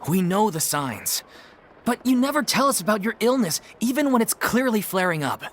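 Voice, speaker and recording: A man's voice: high voice, very animated, normal speed, fairly bright tone, heavily acted. A man voicing a worried, earnest theatre troupe leader in a video game. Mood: pleading. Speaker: troupe manager. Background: game music.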